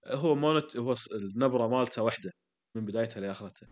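A man's voice: mid-range voice, rapid-fire. A man, co-hosting a podcast in casual, teasing conversation. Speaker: podcast co-host. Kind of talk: casual chat.

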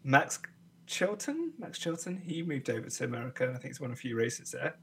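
A man's voice: medium pitch, sing-song, a little fast, fairly bright tone, husky. A man co-hosting a podcast, chatting casually and thinking aloud. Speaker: podcast co-host. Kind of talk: casual chat.

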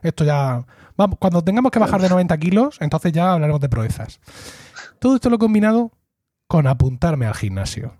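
A man's voice: a little high, big pitch swings, fairly quick, mellow, dry recording, studio quality. A middle-aged man hosting a podcast, chatting casually and acting out quoted dialogue as he tells a story. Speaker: podcast host. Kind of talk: casual chat.

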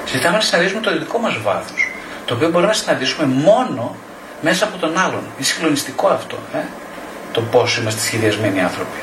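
A middle-aged man, a psychotherapist, lecturing a group in a blunt, animated way with some swearing. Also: on the high side. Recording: echoey room, distant mic, noisy.

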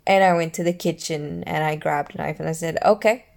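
A woman recounts her own story straight to camera in a personal vlog. Her voice sits low with a rough, crackly fry running through it. She speaks candidly and emotionally, cursing freely. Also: steady tone, a little fast, a little mellow.

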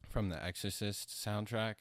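A man who sounds high, talking casually about his music in a rambling, slangy, profane stoner manner. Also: steady tone, moderate pace, dry recording. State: high from smoking. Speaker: musician being interviewed about own album. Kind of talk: casual chat.

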